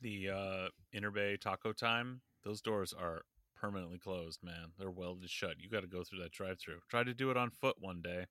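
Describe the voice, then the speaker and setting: A man's voice: low voice, normal speed, few pauses, sharp tone, no room sound, studio quality. A man co-hosting a casual political chat podcast, blunt and profane, with a sarcastic edge. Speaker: podcast co-host.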